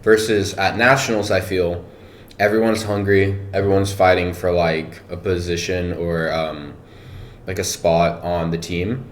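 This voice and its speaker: A man's voice: low-pitched, fairly even intonation, a little slow. A man talking casually on a podcast about competing as a powerlifter, thinking aloud with many fillers. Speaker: powerlifter guest. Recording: echoey room, faint noise.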